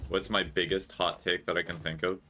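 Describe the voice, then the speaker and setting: A young man with a deep, bright voice talks his way through a game stream. He muses aloud in a chatty, mock-dramatic way. Soft game music plays underneath. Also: flat delivery, brisk. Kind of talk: casual gameplay chat.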